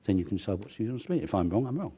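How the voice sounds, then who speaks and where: A man's voice: racing, breathy edge. An older man, a film crew member, telling anecdotes from a film set in an interview and acting out the dialogue he quotes. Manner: storytelling, acts out quoted dialogue with lively pitch.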